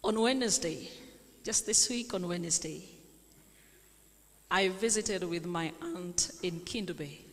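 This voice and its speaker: A Kenyan woman preaching a sermon in a church, telling stories at a deliberate pace and asking the congregation questions. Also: lowish voice. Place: large church sanctuary. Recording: echoey church hall.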